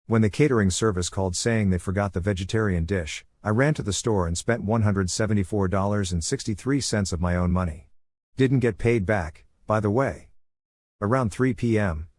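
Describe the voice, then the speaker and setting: A man narrating a first-person story in a steady, even way with dry asides. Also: fairly low pitch, no room sound.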